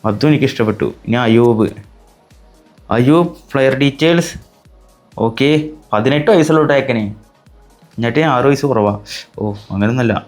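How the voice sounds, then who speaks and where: A young man with a Malayali accent hosting his own gaming channel, exclaiming loudly as he opens packs. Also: medium pitch, normal speed, pauses often, faint music behind. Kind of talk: excited pack-opening commentary.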